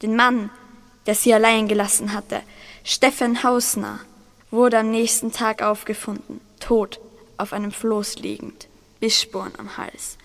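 A woman's voice: on the high side, flat delivery, measured pace, big-room sound. A teenage girl voicing a grave male village innkeeper who tells an ominous tale in a school radio play. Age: teens. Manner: storytelling, ominous.

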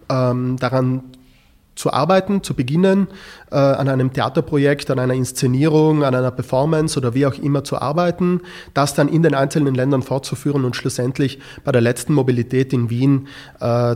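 A man's voice: mid-range voice, fairly even intonation, fairly quick, darkish tone. A man from Tyrol, a teacher answering interview questions thoughtfully and hesitantly, with many filler sounds. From South Tyrol. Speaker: teacher in a school project.

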